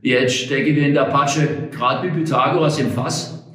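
A man's voice: medium pitch, steady tone, moderate pace, fairly bright tone, voice pushed up, close to an everyday voice. A man voicing a pompous, touchy middle-aged frontiersman who speaks with a Saxon German accent and talks in indignant, long-winded bursts. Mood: scolding. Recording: roomy echo.

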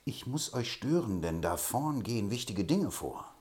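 A man plays an eager informant in a storybook, pitched above the reader's usual deep voice. He delivers news with self-important urgency, lively and insistent. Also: moderate pace.

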